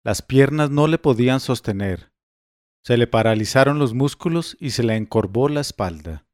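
A man reading a classic tale as a storybook narrator, steady and measured. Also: medium pitch, no echo, clean studio sound.

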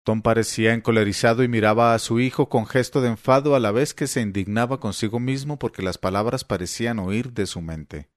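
A man reading a story aloud in a measured, even narration style. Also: mid-range voice, no echo, studio quality. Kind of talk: scripted audiobook narration.

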